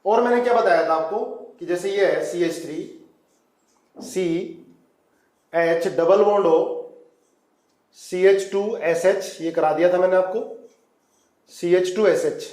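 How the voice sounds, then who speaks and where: Guy teaching chemistry in hindi, kinda high voice, calls the kids beta, echoey classroom. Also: slow, pauses often, darkish tone. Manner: coaxing, calls students "beta", asks them to follow along. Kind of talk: classroom lecture at a whiteboard.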